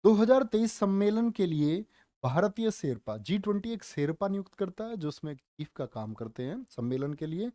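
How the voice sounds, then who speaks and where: A man teaching a live online general knowledge class, speaking slowly and deliberately, repeating facts and quizzing his viewers, with joking asides. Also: sits high, big pitch swings, mellow, no room sound, clean studio sound. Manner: calls viewers "dear children", joking asides. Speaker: online exam-prep teacher.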